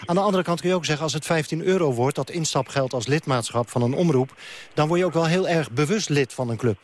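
A man's voice: a little high, fast. A radio host questions his guests in a probing, lightly teasing way from the studio. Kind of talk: live radio interview and studio chat.

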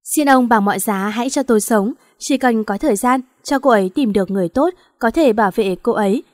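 A woman voicing a gravely ill young husband who talks with sorrow and pleads. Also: fairly high pitch, fairly quick, a little mellow, clean studio sound, close to an everyday voice. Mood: desperate. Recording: long hall reverb.

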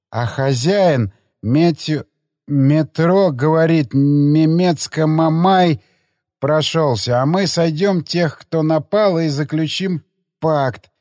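A man voicing a very drunk male henchman who slurs and mumbles his words slowly in an audiobook. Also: on the high side, darkish tone, no echo, studio quality. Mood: drunken. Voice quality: slurred, slow mumbling. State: drunk, slurring.

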